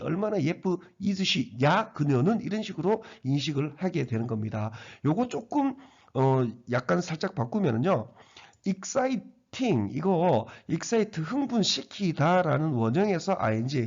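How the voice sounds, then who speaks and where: A man's voice: on the high side, darkish tone, husky. A man teaching English grammar, explaining each sentence step by step and repeating phrases as he goes. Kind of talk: grammar lecture. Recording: dull lo-fi recording.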